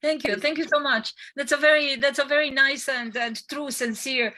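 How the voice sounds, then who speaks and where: Bright-voiced woman moderating a panel. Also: high voice, fairly even intonation. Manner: halting, many fillers. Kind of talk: panel discussion.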